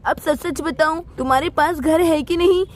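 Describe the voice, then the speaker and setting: A woman voicing a sharp-tongued young woman in a doll story, scolding and interrogating. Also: high-pitched, normal speed, lightly acted. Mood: accusing.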